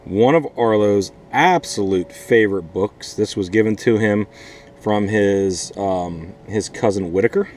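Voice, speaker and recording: In a casual how-to vlog, a male teacher and gardener explains each step directly to his viewers as a teacher would. His voice is on the low side, a little slow and darkish, with faint hiss or hum in the audio.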